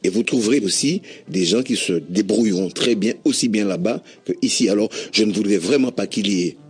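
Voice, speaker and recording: A man speaking as a guest in a radio interview, explaining his views in a measured way. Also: fairly low pitch, a little mellow, husky. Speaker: guest, leads workshops.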